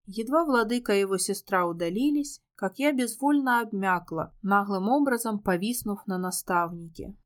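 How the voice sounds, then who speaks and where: A woman reading a first-person fantasy novel aloud in an even, wry storytelling manner. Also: medium pitch, normal speed, hardly any pauses. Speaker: audiobook narrator.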